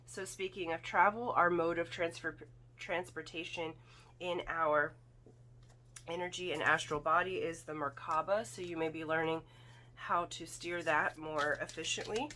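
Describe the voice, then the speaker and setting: A woman with a fairly low, bright voice gives an unscripted spiritual card reading. Her throat sounds slightly foggy and congested. She talks in a halting, thoughtful way, often checking in with the listener, over faint background noise. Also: fairly even intonation. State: throat irritated by volcanic fog, occasional coughing and throat clearing. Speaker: tarot and oracle card reader.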